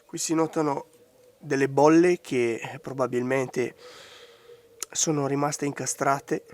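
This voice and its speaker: Uomo con voce che cede per il raffreddore. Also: male voice, medium pitch, steady tone, takes it slowly, a little mellow. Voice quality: voice giving out, hoarse from a cold. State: congested, strained voice from a bad cold. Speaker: craft tutorial host. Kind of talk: casual hands-on DIY commentary. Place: outdoors in a garden.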